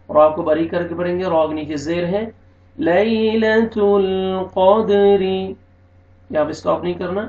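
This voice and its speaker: A man teaching tajweed, slowly drawing out recited words and then explaining the pronunciation rules more plainly. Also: a little high, vocal fry. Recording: echoey, distant, dull recording.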